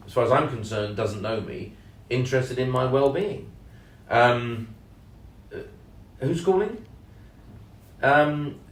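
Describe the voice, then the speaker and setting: A man co-hosting a casual podcast, speaking in a measured, hesitant way with many ums and leaning hard on key words. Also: medium pitch. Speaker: podcast co-host and sales trainer. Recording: roomy echo, mic at a distance.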